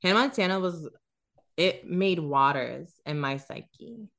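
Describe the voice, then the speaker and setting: A woman with a notably low, deep speaking voice, trading celebrity gossip in a relaxed podcast chat. She talks bluntly and emphatically, swearing freely as she makes her points. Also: a little slow, gravelly. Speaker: podcast co-host.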